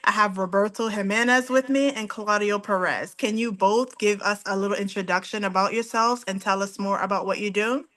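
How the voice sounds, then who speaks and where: A woman's voice: medium pitch, fairly even intonation, brisk, few pauses, a bit bright. A woman hosting an interview, affirming her guests and asking them questions. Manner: affirming, encouraging. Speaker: host.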